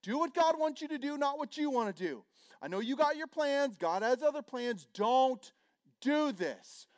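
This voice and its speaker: A frantic young man pleads with a crowd, urgent and insistent, as a preacher acts him out. His voice climbs high and swings wildly as he begs. It is raised, desperate shouting. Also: lively intonation, quick pace, no echo, clean studio sound, lightly acted. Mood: pleading. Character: young man screaming a desperate warning from a hilltop.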